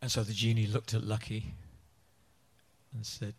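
A man with a lowish voice tells a joke as a story. He takes his time and pauses with small fillers as he builds to the punchline. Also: completely flat delivery, creaky, husky. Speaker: guest telling a joke. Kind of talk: anecdotal joke-telling in English.

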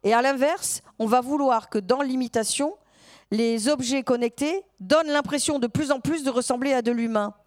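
A woman researcher speaking as a discussion guest, lively and acting out dialogue as she tells stories. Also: high voice, normal speed, no room sound, clean studio sound. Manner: lively storyteller who acts out dialogue. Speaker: university researcher.

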